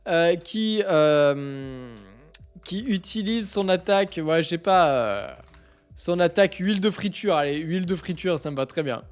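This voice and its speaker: Man streaming, giggly and excitable. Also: high voice, normal speed, soft background music. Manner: excitable, keeps breaking into laughter; stammers and repeats himself. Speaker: live streamer. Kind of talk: casual live-stream chat.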